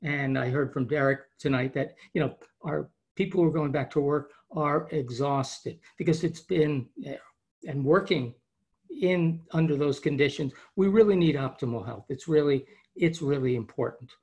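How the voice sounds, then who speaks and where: A high-performance coach presents a webinar over a video call, rambling enthusiastically and often restarting his sentences. His husky, darkish voice moves at a moderate pace.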